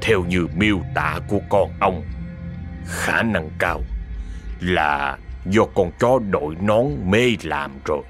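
A man voicing a calm, grave old village shaman who speaks slowly and low. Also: soft background music.

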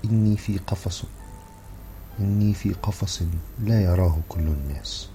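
An eager, lovestruck young man pleading his case, as a male audiobook reader voices him. The voice is low and very dark, with faint music under the storybook reading. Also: moderate pace. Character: earnest lovestruck young Egyptian man, excitable.

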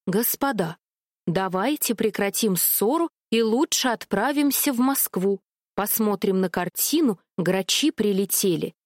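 A woman's voice: medium pitch, animated, a little slow, no room sound, studio quality. A woman voicing a polite, old-fashioned male pigeon who talks formally and drops in French words. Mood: soothing.

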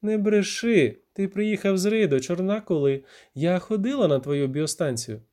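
A man's voice: animated, moderate pace, dark tone. A man reading an audiobook, voicing an angry, defensive young woman who snaps and accuses. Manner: shrill, accusing, snapping.

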